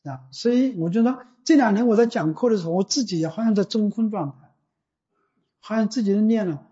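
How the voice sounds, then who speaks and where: A Buddhist teacher giving a slow, deliberate dharma talk, often pausing to ask the listeners whether they follow. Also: mid-range voice, warm tone. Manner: slow and deliberate, often asking "you know?". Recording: dull lo-fi recording.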